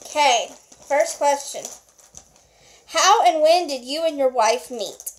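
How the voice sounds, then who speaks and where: Brisk high-voiced woman interviewer. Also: lively intonation. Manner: brisk, reading questions, steering the talk. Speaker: vlog host interviewing her husband. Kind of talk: casual home interview. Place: home at night.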